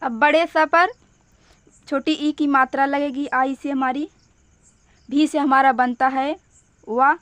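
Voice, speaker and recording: Slow, high-voiced woman teaching spelling. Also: fairly even intonation, a bit bright, dry recording. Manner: patient, repeats each step slowly. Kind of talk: step-by-step spelling lesson.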